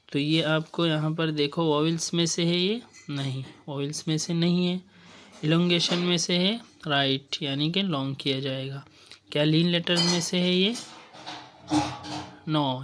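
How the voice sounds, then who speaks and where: Man slowly drilling syllables as a teacher. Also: a little high, steady tone, background noise. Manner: slow, deliberate syllable drilling mixed with English terms. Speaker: Quran reading teacher. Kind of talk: explaining a lesson on screen.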